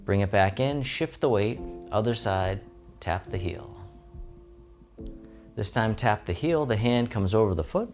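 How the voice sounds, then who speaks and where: A man giving serene, gentle tai chi instruction in short, soothing guided movement cues. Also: fairly low pitch, animated, unhurried, pauses often. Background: instrumental music.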